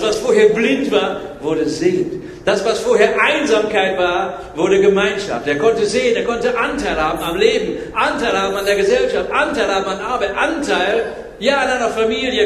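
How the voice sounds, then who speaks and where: A man's voice: high voice, moderate pace. A man preaching a sermon in a church, with emphatic repetition, speaking straight to his listeners. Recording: echoey hall reverb.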